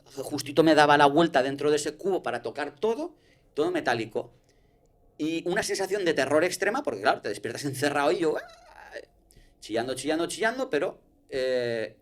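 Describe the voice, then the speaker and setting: Guy from telling a scary story, voice jumps all over, swears a lot. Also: medium pitch. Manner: animated storytelling, swears, restarts. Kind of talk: casual conversation, personal story.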